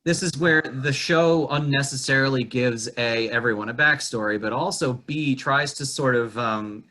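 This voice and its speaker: Male podcast host, bright tone, loose rambling delivery with swearing, remote call audio. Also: mid-range voice, moderate pace. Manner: rambling, crude, with many fillers. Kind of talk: casual chat. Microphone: remote call recording.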